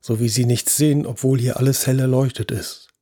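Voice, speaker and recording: A calm, patient neurosurgeon, voiced by the male narrator, reassuring and soft-spoken. His dark, husky tone sits close and dry, with no room around it. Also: medium pitch, fairly quick, no echo, natural voice. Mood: soothing. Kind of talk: audio drama acting.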